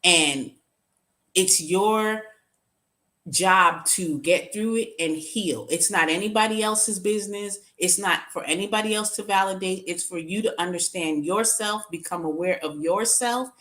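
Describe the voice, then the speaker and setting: A woman's voice: mid-range voice, unhurried, a bit bright. A middle-aged woman speaking as an interview guest, telling personal stories in an earnest, reflective way. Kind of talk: conversational interview.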